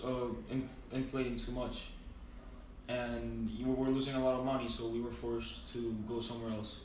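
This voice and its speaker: A man's voice: medium pitch, a little hiss or hum. A teenage boy from Venezuela answering interview questions in a casual, hesitant way, with many fillers and restarts. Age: teens. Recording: echoey room, mic at a distance.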